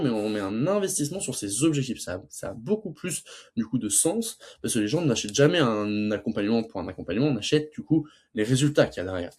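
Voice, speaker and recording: A man's voice: mid-range voice, darkish tone, slightly rough. A young man coaching sales closing in a casual talk, stuttering and restarting often, and acting out both sides of a sales call. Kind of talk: casual teaching monologue.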